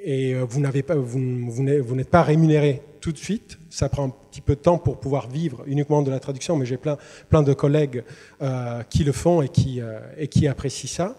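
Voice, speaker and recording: This literary translator, a man whose first language is Italian, has a warm, medium-pitched voice and talks fairly quickly. Presenting to students in a university lecture hall, he stumbles through many fillers and restarts, with long reverb from the large hall.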